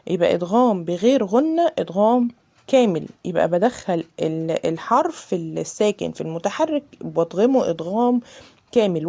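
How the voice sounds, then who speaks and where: A woman with an Egyptian Arabic accent, teaching a Quran recitation lesson in a casual, chatty way and drawing out the recited examples slowly. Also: mid-range voice, mellow. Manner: explains casually, then drawls examples slowly.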